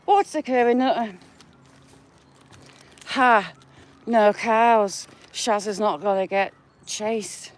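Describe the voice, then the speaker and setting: A woman's voice: mid-range voice, drawn-out words, long pauses. A woman with a northern English accent, chatting to her viewers by name while walking outdoors in the countryside. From England. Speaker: vlogger. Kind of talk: casual live-chat walk vlog.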